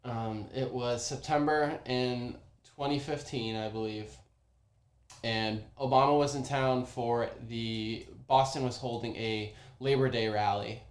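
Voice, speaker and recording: A young man casually telling a personal story, animated, with many ums and restarts. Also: mid-range voice, unhurried. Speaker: former oyster bar worker telling a story. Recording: roomy echo.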